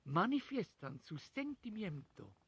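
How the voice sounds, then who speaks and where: A man preaching a sermon as a pastor, retelling a story in short, measured phrases with rhetorical questions. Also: high voice, sing-song, a bit bright, breathy edge, no room sound. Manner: speaks in short, measured phrases with frequent pauses.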